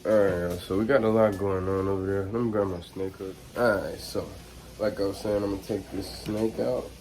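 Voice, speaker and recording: An American man talks straight to his viewers in a loose, slangy vlog style. His voice sits a little low. The handheld recording has clear background noise. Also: steady tone, fairly quick, a little mellow. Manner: informal, slangy, addresses viewers directly. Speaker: animal vlogger. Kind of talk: casual vlog chat to viewers. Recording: noisy on-location handheld vlog audio.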